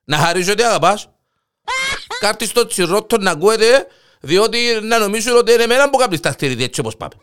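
Tired pleading neighbor with a Cypriot accent, high and groaning, put on by a man telling a joke. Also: sing-song, a bit bright, a little hiss or hum, exaggerated voice. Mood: exasperated. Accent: Cypriot Greek. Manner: whiny, pleading, groans and sighs. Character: fed-up middle-aged male neighbor, sleepless and pleading.

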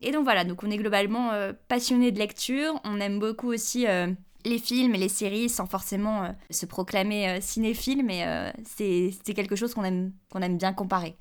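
A woman guest on a podcast, explaining things in a relaxed, casual chat. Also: mid-range voice, normal speed, smooth. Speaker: podcast guest and host of her own podcast.

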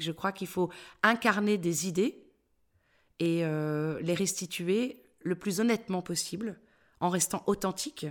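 A middle-aged woman with a Parisian accent speaks as a voice coach in a relaxed interview. Her pitch sits a little low, and she talks in an animated way, pausing often on fillers as she thinks aloud. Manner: animated, many hesitations and fillers. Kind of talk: casual interview talk.

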